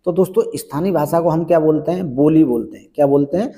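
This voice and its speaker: A man's voice: a little high, quick pace, dark tone, in a large hall. A male Hindi exam teacher working through practice questions one by one, repeating each question and answer for emphasis. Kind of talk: exam prep lesson, question by question.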